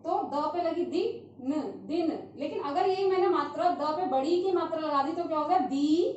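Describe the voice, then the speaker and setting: High-pitched teacher drawing out sounds, echoey. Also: female voice, darkish tone, a little hiss or hum. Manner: patient, repeats sounds slowly, often asks "thik hai". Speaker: primary school teacher. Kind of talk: classroom lesson on Hindi vowel signs. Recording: distant, very echoey, dull lo-fi sound.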